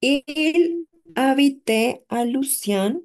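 A female student reads practice sentences aloud very slowly and haltingly. She sounds unsure of each word. Her voice sits a little on the high side. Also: animated, a little mellow.

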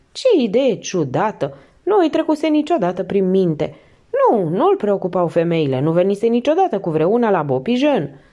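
A woman narrating an audiobook as an expressive reader. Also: fairly low pitch. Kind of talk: scripted narration.

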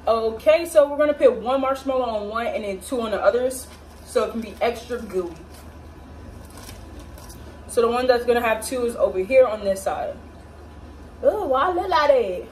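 Fairly high-pitched, expressive and a little mellow, this young American woman speaks at a normal speed with long pauses while hosting a home cooking vlog. She chats with viewers casually and playfully, full of slang. A phone or camera propped at a distance in her small indoor kitchen captures a distant sound and noisy ambience.

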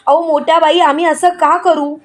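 Brief: indignant middle-aged woman, protesting, high voice, done by a woman. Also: level tone, moderate pace.

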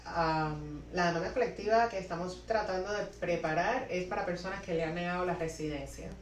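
A woman's voice: lowish voice, a little fast, slight background noise. A young woman, an immigration lawyer, answering viewer questions with practical step-by-step advice and frequent self-corrections, seated at her office desk. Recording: echoey office, voice a bit distant from the mic.

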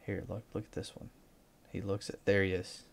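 A man talks over his own fishing footage in a loose, rambling way, often repeating words. His voice sits a little low, and he livens up whenever a big fish shows. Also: level tone, moderate pace, vocal fry. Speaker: fishing vlogger.

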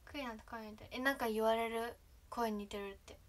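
A young woman with a fairly high voice chats casually to her livestream viewers. She rambles, trails off and drops into soft asides. A faint hiss sits under the stream audio. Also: steady tone, a little fast. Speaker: idol trainee livestreaming.

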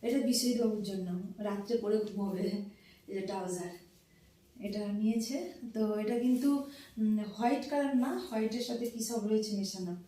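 A middle-aged woman chatting softly and gushing as she shows off things she bought. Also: mid-range voice, a little fast, long pauses, heavy reverb, far from the mic, rough recording. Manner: chatty, gushing, repeats herself; soft, hushed talk. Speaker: vlogger showing purchases. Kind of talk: casual show-and-tell chat.

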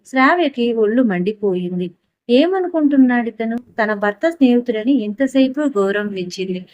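Brief: a woman audiobook narrator, steady storytelling, dry close sound. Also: on the high side, dry recording.

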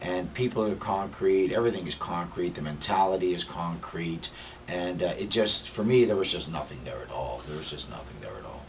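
Low-voiced Dutch-born man, rambling. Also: fairly quick. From Netherlands. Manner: rambling, animated, repeats phrases. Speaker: musician guest. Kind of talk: casual interview chat. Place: basement utility room. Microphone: camera mic from a few feet away. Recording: distant camera mic, faint room hiss.

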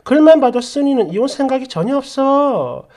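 A woman narrating a story for a story channel, then reading out viewer comments with opinionated, conversational asides. Her delivery is animated, with a wide and lively pitch range. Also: moderate pace.

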